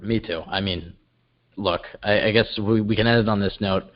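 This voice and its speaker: A man's voice: fairly low pitch, fairly even intonation, moderate pace, highs cut off. A male podcast co-host in casual sports chat, talking upbeat and steering the show to its close.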